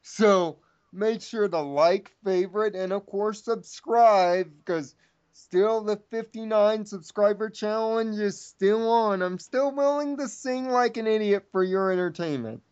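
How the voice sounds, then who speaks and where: A man's voice: sits high, a little slow, a little mellow, smooth, dull audio. A man hosting a casual fan podcast, with a hesitant, stop-and-start way of talking. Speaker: podcast host.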